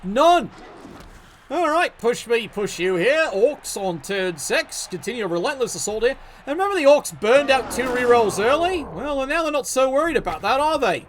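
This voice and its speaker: High, lively sarcastic male commentator. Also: normal speed, slight background noise. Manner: sarcastic, profane, joking. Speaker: league match commentator. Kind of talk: video game match commentary.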